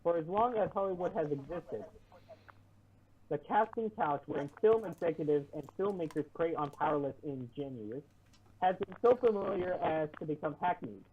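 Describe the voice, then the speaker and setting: On an online talk show, a man reads out an article, frequently tripping over words, restarting, and adding sarcastic comments. His voice sits on the high side and is expressive at a normal speed, but the recording is muffled and distant, like sound through a wall, from a lo-fi mic with popping and faint hiss.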